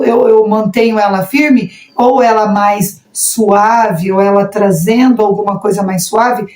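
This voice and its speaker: A woman's voice: fairly high pitch, darkish tone, reverberant. A woman with a Brazilian Portuguese accent teaching sign language interpreters in a church training lesson, demonstrating intonation expressively as she explains.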